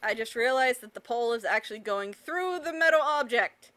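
A woman's voice: on the high side, animated, a little fast, noisy background. A young adult woman giving joking, playful let's play commentary while she plays through a game. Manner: joking, playful, self-mocking. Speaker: gameplay streamer.

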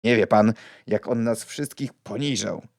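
A man reading an audiobook and voicing a lively, blunt young woman with a playful, outspoken manner. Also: lowish voice, measured pace, vocal fry, no room sound, studio quality.

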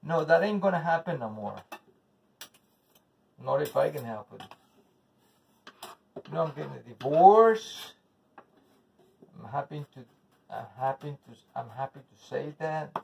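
This home cook vlogger is a middle-aged man who speaks English as a second language with a Spanish accent. His fairly high, animated voice is gravelly, a little mellow and breathy, moving at a measured pace with frequent pauses as he rants bitterly and profanely. He's in his indoor home kitchen, recorded off-mic with faint noise by a camera across the counter.

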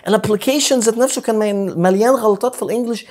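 A haughty upper-class Egyptian mother, put on by a man, pitched high and talking quickly. She scolds with a sneer and sprinkles English words through her Egyptian Arabic accent. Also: lightly acted. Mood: indignant.

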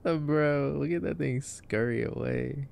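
A young man, an ASMR roleplay voice actor, gives casual, joking, intimate commentary while watching a movie in a boyfriend sleep-aid roleplay, packed with slang. His voice is medium-pitched, measured in pace, creaky, a little mellow, and smooth.

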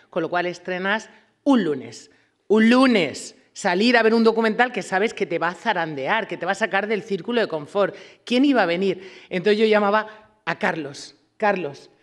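A woman in her fifties telling a story in an interview, emphatic and expressive, repeating words for weight. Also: lowish voice. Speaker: award winner. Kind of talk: interview answer. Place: event hall with stage backdrop.

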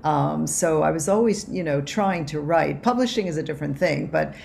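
Woman, low voice, gravelly, reflective, video call, faint hiss. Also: moderate pace, a little mellow. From Cuba. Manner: reflective, many ums and restarts. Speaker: author and anthropologist. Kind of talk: relaxed interview answers. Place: home office.

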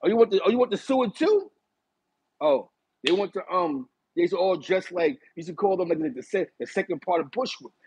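A middle-aged man from East Harlem with a New York accent, telling stories in a casual chat from a small room, animated and talking with his hands. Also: high-pitched, brisk, slightly rough, rough recording. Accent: New York City. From East Harlem, New York City. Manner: animated, gestures a lot while reminiscing. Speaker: host. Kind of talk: casual storytelling to a live chat. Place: small bright room indoors.

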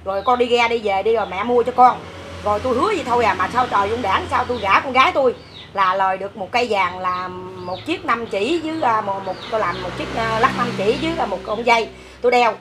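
A woman's voice: on the high side, fast, noisy background. A woman in her fifties with a Southern Vietnamese accent, telling her story in a rambling way with many fillers. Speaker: interviewee, mother. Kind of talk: casual storytelling.

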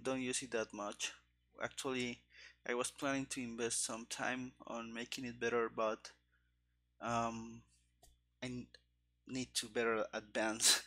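A programmer in his thirties thinks aloud during live coding, muttering to himself in a halting way into his headset. His medium-pitched voice sounds creaky and sharp, and keys clack and click as he works indoors at his desk.

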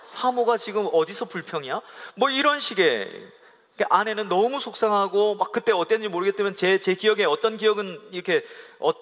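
High, bright-voiced man preaching in a hall. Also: a little fast. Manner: humorous, acts out quoted couple dialogue; leads congregation in call-and-response. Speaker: pastor. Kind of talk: sermon. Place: church worship hall. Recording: live in a reverberant worship hall.

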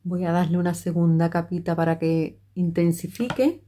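A woman's voice: lowish voice, steady tone, moderate pace, warm tone, a little hiss or hum. A middle-aged woman, chatting her way through a makeup tutorial with many fillers and restarts. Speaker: makeup vlogger.

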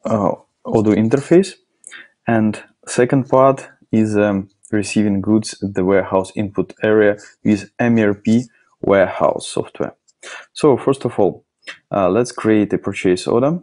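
Man, low voice, hesitant fillers, step-by-step demo narration. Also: fairly even intonation, unhurried, darkish tone. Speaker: software demonstrator. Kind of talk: screencast product demo narration.

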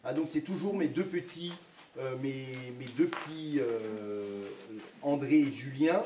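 Man lecturer, halting delivery with lots of fillers, roomy sound, mic set back from him. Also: medium pitch, dark tone, slight background noise. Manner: hesitant, full of filler words and restarts. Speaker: history lecturer. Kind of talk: public lecture. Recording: echoey room, mic from far off.

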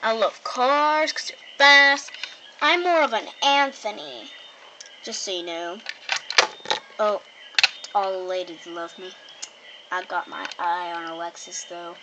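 A woman's voice: mid-range voice, slow, pauses often, sharp tone. A girl doing a bragging boy doll. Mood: boastful. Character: boastful boy doll who fancies the girls. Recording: noisy phone recording.

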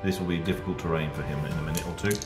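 A man's voice: very deep voice, fairly even intonation, very fast. A man explaining game rules in casual chat, hesitant with many fillers. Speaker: tabletop wargame opponent. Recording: echoey room with loud music. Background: background music.

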